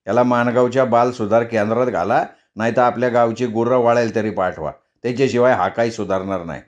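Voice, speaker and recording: A man's voice: medium pitch, steady tone, fast talker, natural voice. A man voicing a mocking elder brother who tells tales, in a storybook reading. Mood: tattling. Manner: taunting, tattling.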